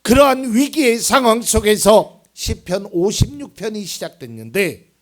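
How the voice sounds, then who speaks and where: A male pastor preaching a Sunday sermon, swinging between loud emphatic lines and soft, almost whispered ones. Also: mid-range voice, animated, measured pace, creaky, slightly rough. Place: church sanctuary.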